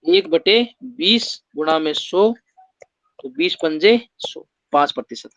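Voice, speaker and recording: A man's voice: a little high, takes it slowly, fairly bright tone, dry recording. A man teaching an exam-prep maths lesson, explaining step by step and putting rhetorical questions to his students.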